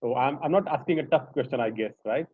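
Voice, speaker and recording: A man's voice: medium pitch, lively intonation, quick pace, breathy edge, dry recording. A man teaching a voice training class over a video call, often asking the group questions. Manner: interactive, asks the group questions. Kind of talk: online training session. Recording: dry, slightly dull call audio.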